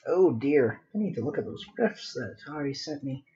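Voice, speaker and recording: In casual commentary while he draws on a live stream, a man talks to himself with lively intonation and sing-song filler noises. His mellow, mid-range voice moves at a normal pace, and the recording has its highs cut off.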